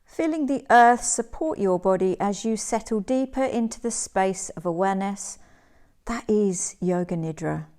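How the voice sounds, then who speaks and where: Speaking at a medium pitch, a woman guides listeners through relaxation as a yoga teacher would, her tone soothing and gentle and her phrases measured, with pauses in between.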